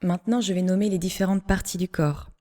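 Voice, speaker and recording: Using a steady, dark-toned voice on the low side, a woman yoga instructor talks listeners through a guided relaxation. Her instructions are measured short phrases, each followed by a pause.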